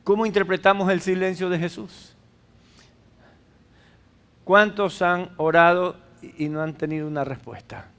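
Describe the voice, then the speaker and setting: A man's voice: sits high, steady tone, measured pace, pauses often, fairly bright tone, clean tone. A man preaching a sermon as pastor, speaking emphatically and asking rhetorical questions.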